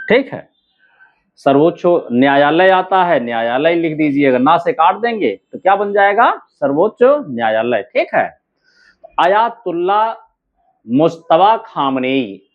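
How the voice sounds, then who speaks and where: A man teaching shorthand outlines word by word. He stretches out each word and keeps checking with "ठीक है" and "है ना". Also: a little high. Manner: slow, drawn-out words, frequent "ठीक है" and "है ना" checks. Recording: narrow phone-like sound.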